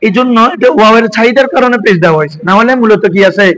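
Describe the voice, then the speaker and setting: A man's voice: sits high, very fast, a crowd in the background, low-quality recording. A man with a Bangladeshi Bengali accent teaching a class, constantly asking his students questions as he explains. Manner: quizzing students with frequent questions. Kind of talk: classroom lesson.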